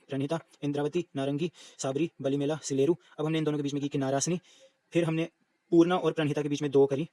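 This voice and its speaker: A man runs through an exam-prep lesson at a quick clip, reciting lists over and over. His voice is mellow and unforced, with a middling pitch. The sound is close and dry, with no room echo. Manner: brisk, repetitive recitation of lists. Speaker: teacher.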